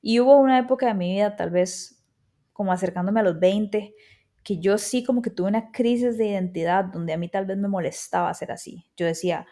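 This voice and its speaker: With a warm, steady, medium-pitched voice and a fairly quick pace, this Costa Rican podcast host in her thirties muses chattily on personal matters. She speaks with a Costa Rican accent and frequently quotes others in little asides.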